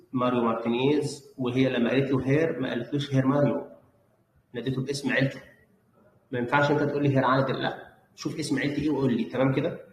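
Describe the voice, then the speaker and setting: A man's voice: mid-range voice, a little mellow. A man with an Egyptian Arabic accent teaching a German lesson, patiently correcting pronunciation by repeating the words. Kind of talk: online language lesson. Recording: roomy with faint background noise.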